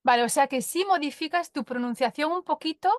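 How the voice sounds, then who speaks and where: A woman hosting a podcast from her kitchen, welcoming and bright, who gives short listening sounds while her guest talks. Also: high-pitched, brisk, dry recording, clean studio sound. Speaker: podcast host. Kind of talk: scripted intro then interview. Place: home kitchen.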